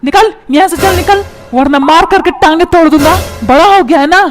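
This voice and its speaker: A woman voicing a short-tempered middle-aged father in a comic cartoon, scolding and shouting threats in a squeaky, very high voice. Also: fairly quick. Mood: angry. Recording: music playing loudly underneath.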